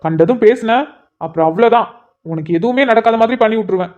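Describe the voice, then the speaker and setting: Voicing a cartoon's emotional young man who tearfully pleads with an old friend he's fond of, a woman uses a mid-range voice at a quick pace, lightly acted. The lo-fi recording is a bit muffled.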